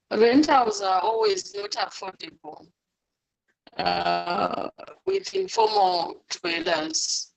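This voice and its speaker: A woman speaks slowly through a glitchy, breaking-up video call. Her voice is gravelly, and it cuts out and fades on the patchy line. She talks hesitantly, with many filler sounds. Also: mid-range voice, fairly bright tone, low-quality recording. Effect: glitchy breaking-up video call connection. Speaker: panelist on an online discussion. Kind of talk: answering a question in a video meeting. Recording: patchy call audio, voice cutting out and fading.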